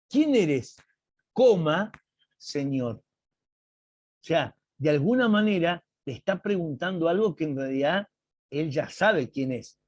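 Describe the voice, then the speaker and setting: A man teaching an online Bible class over a video call, explaining slowly and emphatically and reading quotes aloud with drama. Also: fairly high pitch.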